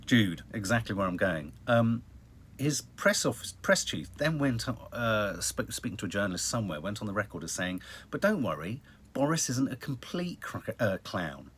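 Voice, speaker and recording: Rambling wryly with dramatic emphasis, a British online host chats about the news to his live-stream viewers. His lowish voice is sing-song and fairly bright but slightly rough, at a moderate pace.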